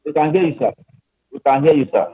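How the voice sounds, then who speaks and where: A man's voice: fairly high pitch, fast, husky. A man interviewer on a call that keeps dropping out, politely calling the guest sir. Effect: call breaking up over a phone line. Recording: tinny, distant phone line.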